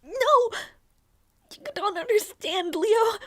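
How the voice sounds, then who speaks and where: A woman playing a grieving young princess in a dramatic audio roleplay, halting and emotionally intense, repeating her words. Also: extremely high pitch, fairly bright tone, dry recording, clean studio sound, exaggerated voice. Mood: tearful, defiant. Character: grieving young princess, desperate, stubborn, loyal.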